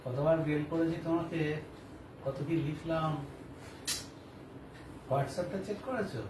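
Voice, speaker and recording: Captured from afar in an echoey, noisy room, this acted home skit features a man in the role of a husband. He teases in a playful way, speaking slowly with a voice on the high side.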